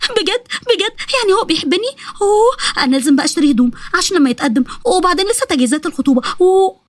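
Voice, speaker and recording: A woman voicing an excitable, lovestruck young woman with an Egyptian accent who whines and pleads in drawn-out words. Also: very high voice, no room sound, pitched above the performer's own voice. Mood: excited.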